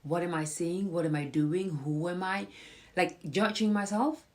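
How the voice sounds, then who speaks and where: On a casual live stream, a woman with a lowish, somewhat mellow voice speaks at a moderate pace, talking to viewers and motivating them. She's got a slight cold that can be heard as she hosts.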